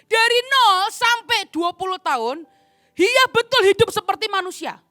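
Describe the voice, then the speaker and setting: A woman evangelist preaching a sermon, telling an animated story and calling her listeners "brothers and sisters.". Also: extremely high pitch, normal speed, no room sound, soft background music. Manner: animated, addresses audience as "saudara". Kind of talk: sermon storytelling with acted dialogue.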